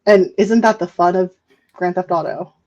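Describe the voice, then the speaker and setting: A woman's voice: lowish voice, moderate pace, mellow, highs cut off. A woman co-hosting a podcast in casual chat, playful and teasing, laughing often. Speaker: podcast co-host.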